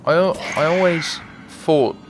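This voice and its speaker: A man's voice: a little high, unhurried, background noise. Chatty man narrating his gameplay. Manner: chatty, self-deprecating, thinking aloud. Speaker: gaming video host. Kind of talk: let's play commentary.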